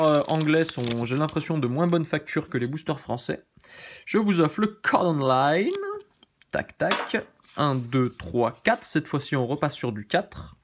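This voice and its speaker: A man hosting his channel, giving casual, relaxed commentary as he opens trading cards, often thinking aloud and second-guessing names. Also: a little high, a little hiss or hum. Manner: relaxed, chatty, many fillers. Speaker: YouTube channel host. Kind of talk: casual card-opening commentary.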